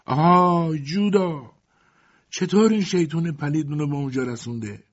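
A man's voice: fairly high pitch, muffled recording, pitched above the performer's own voice, lightly acted. A man voicing a sixty-year-old ship captain adrift in a boat, crying out mournfully from afar in an audiobook. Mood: mournful wail. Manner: wailing cries from a distance.

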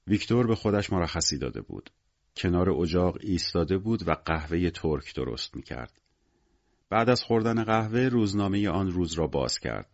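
A man narrating an audiobook in a measured, expressive storytelling manner. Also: sits low, lo-fi sound.

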